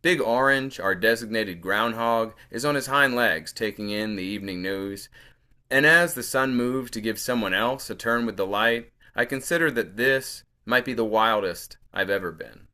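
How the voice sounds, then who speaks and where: A middle-aged man reading his poems aloud in a measured voice, with hesitant, filler-heavy remarks between poems. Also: lowish voice, bright, forceful tone. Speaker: featured poet. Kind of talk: poetry reading.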